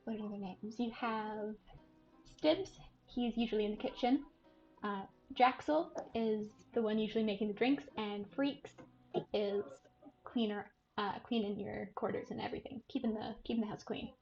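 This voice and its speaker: A woman's voice: mid-range voice, normal speed, vocal fry, dull audio, soft background music. Woman narrating as dungeon master. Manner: descriptive, relaxed, with fillers. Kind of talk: narrating a tabletop game.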